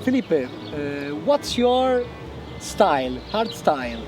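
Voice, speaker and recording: A man interviewing artists, halting and rephrasing his questions as he goes. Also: fairly high pitch, sing-song. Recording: loud music behind the voices.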